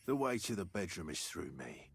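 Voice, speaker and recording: A man's voice: deep voice, very animated, normal speed, creaky, background noise, exaggerated voice. An actor playing a formal, mechanical male butler with a forced, robotic laugh. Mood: stiff. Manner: formal, mechanical and overly polite.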